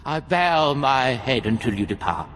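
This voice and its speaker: A man's voice: mid-range voice, expressive, a little slow, fairly bright tone, a little hiss or hum. A man voicing a cringing, fawning male slave who bows and simpers to please his master. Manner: servile, simpering, eager to please.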